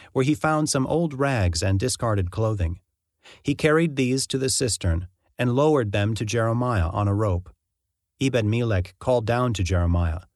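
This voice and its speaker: A man reading scripture aloud in steady, measured narration. His pitch sits at an ordinary middle, and the sound is dry and close with no room echo. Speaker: scripture reader.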